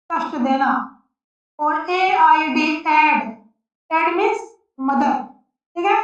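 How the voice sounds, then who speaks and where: A woman teaching an English pronunciation lesson, spelling out letters slowly and repeating each word. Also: extremely high pitch, a bit bright. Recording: echoey, distant, dull lo-fi sound.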